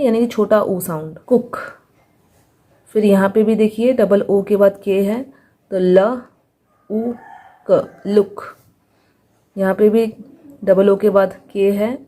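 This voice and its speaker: A woman with an Indian accent teaching English reading, spelling out letters slowly and blending them into words. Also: mid-range voice, warm tone. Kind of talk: phonics lesson.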